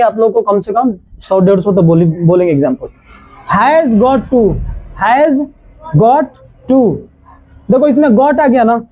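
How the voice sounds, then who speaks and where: Slow-drilling male grammar teacher. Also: very high voice, dull audio. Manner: drills rules slowly, repeating each phrase; scolds and jokes with students. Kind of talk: classroom grammar lesson. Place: classroom.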